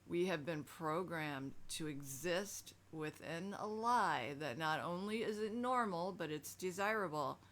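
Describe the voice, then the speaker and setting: A woman's voice: fairly low pitch, lively intonation, unhurried, hardly any pauses, fairly bright tone. A middle-aged woman talking casually and emphatically in a self-help video, frank and conversational.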